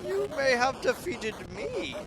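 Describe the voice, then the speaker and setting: A man's voice: very high-pitched, big pitch swings, slow, a crowd in the background, noisy background, voice pushed up, full character voice. A man voicing a grandiose, smothering female robot queen with an exaggerated, sing-song doting delivery, over game music. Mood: grandstanding. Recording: loud game music behind.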